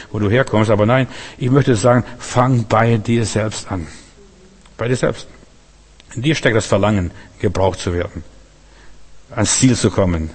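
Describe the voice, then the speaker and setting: Husky male preacher in a reverberant hall. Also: lowish voice, darkish tone. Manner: addresses listeners directly, emphatic repetition. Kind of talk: sermon.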